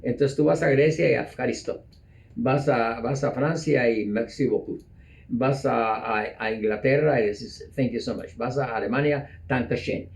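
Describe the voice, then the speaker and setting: A man talking as an interview guest, explaining at a measured pace and often repeating words. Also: mid-range voice, vocal fry. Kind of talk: conversational explaining.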